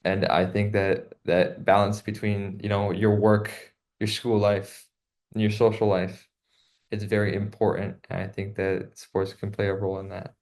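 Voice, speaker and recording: A young man, a student co-host in casual talk, relaxed and full of fillers. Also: on the low side, moderate pace. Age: young adult. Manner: relaxed, many fillers like 'um' and 'you know'. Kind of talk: casual podcast conversation.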